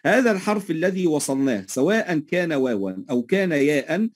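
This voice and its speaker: A man with an Egyptian Arabic accent leads a tajweed lesson in a somewhat high, husky voice. He poses a question, pauses, and then answers it himself, and he often stops to check that his listeners are following. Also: expressive. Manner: checks understanding often with short tag questions. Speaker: teacher.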